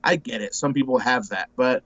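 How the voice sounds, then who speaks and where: Brisk and a bit creaky, a medium-pitched man in his forties has a fairly bright tone on a muffled recording with no echo. He's a relaxed interview guest in casual conversation, rambling with repeated restarts and words and calling people bro and dude often.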